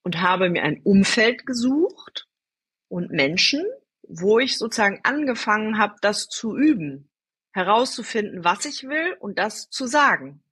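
A woman guest in a podcast interview, telling personal stories in a lively way, answering her own rhetorical questions and speaking straight to the listener. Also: mid-range voice, a little slow, slightly rough. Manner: addresses the listener directly. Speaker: storytelling guest.

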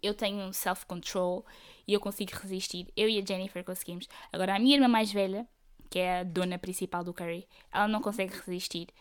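A woman's voice: mid-range voice, smooth. A young woman with a European Portuguese accent chatting casually as a solo podcast host, rambling through stories in slangy speech with English words mixed in.

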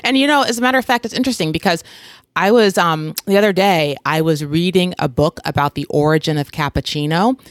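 A woman's voice: fairly low pitch, a little fast. A woman hosting a podcast in a jokey, giggly way, steering the conversation. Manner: jokey, giggly, drives the segment. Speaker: podcast host. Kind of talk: casual podcast chat.

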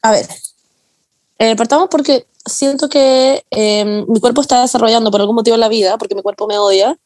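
A woman's voice: fairly high pitch, steady tone, brisk, a little mellow, no room sound. A young adult woman with a Chilean accent, chatting casually and rambling with lots of slang as a podcast co-host. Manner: slangy, rambling, laughs often. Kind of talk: casual chat among friends.

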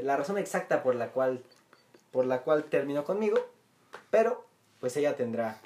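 A man's voice: mid-range voice, a little mellow. A man hosting a joking casual chat, teasing his friend and repeating his name. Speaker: host.

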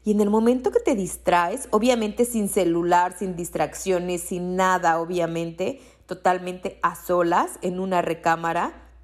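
A woman's voice: lowish voice, measured pace. A woman with a Mexican accent, a coach for women entrepreneurs, giving motivational podcast talk in an encouraging way and repeating her key phrases.

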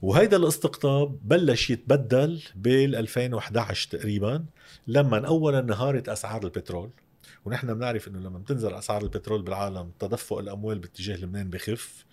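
Fast-talking Lebanese man explaining economics. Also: on the low side, darkish tone, breathy edge. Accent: Lebanese Arabic. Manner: emphatic, uses rhetorical questions. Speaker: interview guest, economic commentator. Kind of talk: explanatory interview talk on economics.

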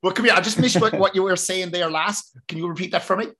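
Guy in his 30s hosting a podcast, chatty, swears a lot, fairly high voice. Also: fairly even intonation, fast, sharp tone. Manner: chatty, swears, jokes about himself. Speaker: podcast host. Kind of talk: casual interview chat.

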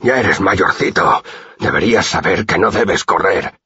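A man voicing a brutal, menacing city guard who pants and jeers slowly, in a dull, dry recording. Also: sits low, bright, forceful tone, husky, no room sound, pitched above the performer's own voice, full character voice. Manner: panting, threatening, slow jeering.

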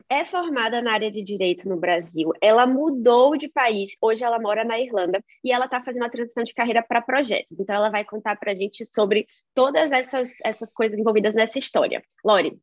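A chatty woman hosts a podcast interview, her voice pitched a little high. The sound is dull and lo-fi, with a dry, close feel. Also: no room sound. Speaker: podcast host. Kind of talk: casual interview chat.

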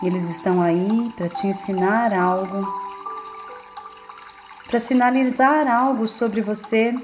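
A woman with a Brazilian accent guides a meditation in a soothing, unhurried manner, leaving lingering pauses between short phrases. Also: medium pitch, fairly even intonation, over music.

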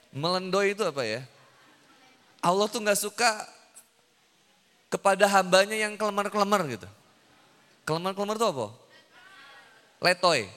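A man's voice: sits high, pushed and bright. A man giving a casual, humorous sermon to young people, teasing the audience with playful questions. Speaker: preacher. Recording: long hall reverb.

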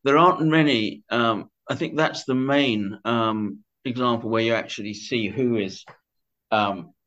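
Talking about a book as an interview guest on a podcast, this older man has a medium-pitched, slightly bright voice. His delivery is halting and unsure, with frequent self-corrections. The sound is muffled and band-limited.

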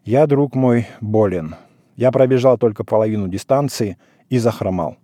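A man reading a story aloud, voicing a big, powerful village priest with a booming, preaching manner. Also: normal speed, warm tone, no echo, close to an everyday voice. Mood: brooding. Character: big, powerful, hard-drinking village priest, grieving and wild. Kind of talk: literary reading.

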